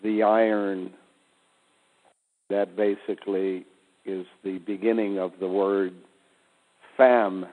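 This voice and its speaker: A man with a fairly low voice talks in an unhurried, deliberate way and breaks down words letter by letter. The sound is thin and phone-like, with a long reverb tail behind it. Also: little pitch movement. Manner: slow, deliberate wordplay explanations. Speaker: guest speaker. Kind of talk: casual phone conversation. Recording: tinny phone line with reverb.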